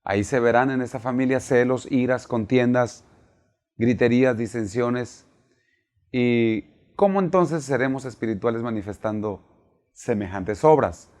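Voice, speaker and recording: A man's voice: mid-range voice, measured pace, a little mellow. A man teaching a recorded Bible class, earnest and emphatic, repeating words when he presses a point.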